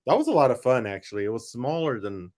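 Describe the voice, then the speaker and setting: A man's voice: mid-range voice, sing-song, fast, a little mellow. A man co-hosting a casual chat about a TV premiere, easygoing and teasing. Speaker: watch party co-host. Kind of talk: casual pop-culture chat.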